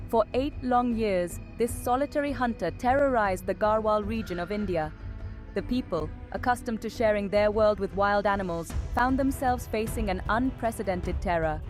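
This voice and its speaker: A woman with a medium-pitched voice narrates from a script in a nature documentary manner. Her delivery is dramatic storytelling, with faint music underneath. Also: moderate pace, darkish tone.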